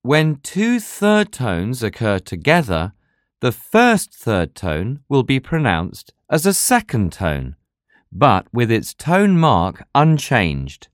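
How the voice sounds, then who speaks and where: A narrator slowly reading a scripted language lesson, explaining pronunciation rules in a measured way. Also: mid-range voice, huge pitch swings, no room sound, studio quality. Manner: slow, measured, very varied intonation. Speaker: language teacher.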